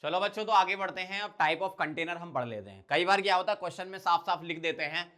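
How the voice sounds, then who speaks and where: Bright-voiced male chemistry teacher lecturing. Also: high-pitched, expressive, fast talker. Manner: asks students questions and answers them himself; mixes Hindi with English technical terms. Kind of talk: blackboard lecture.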